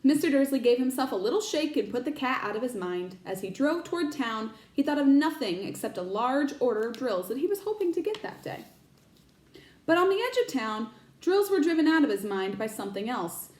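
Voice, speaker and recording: Reading a storybook to young children, this teacher speaks expressively in a high voice with plenty of melodic rise and fall. She pauses now and then to explain words, and her voice echoes off the surrounding room.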